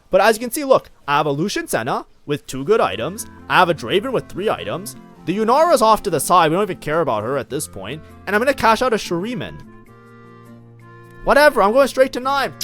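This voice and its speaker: A man talks through his own match in a loose, chatty way, with plenty of fillers. His voice sits a little high and rises and falls in a lively, animated way. Faint music plays quietly under his commentary. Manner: chatty, lots of fillers like "like, you know". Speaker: game streamer reviewing his own match. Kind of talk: casual gameplay commentary.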